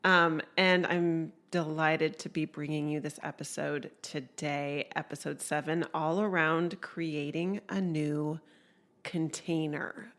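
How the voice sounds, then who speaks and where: Woman, congested, low voice, slow pace, reflective podcast host, soft musing delivery. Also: steady tone. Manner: soft, musing, laughs often. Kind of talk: reflective solo podcast talk.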